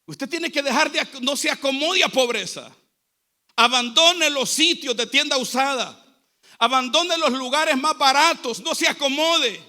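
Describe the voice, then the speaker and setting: A male pastor with a Central American Spanish accent delivers a sermon, his voice sitting unusually high for a man. The tone is piercingly bright and sharp, and he drives his points home through repeated exhorting phrases. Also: unhurried. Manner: exhorting, repetitive preaching cadence.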